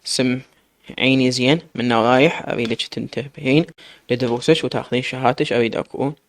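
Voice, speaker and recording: A man's voice: medium pitch, fairly even intonation, brisk, no room sound, lightly acted. A man with an Iraqi accent voicing a teenage girl who earnestly lectures her younger sister. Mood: earnest lecturing. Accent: Iraqi Arabic.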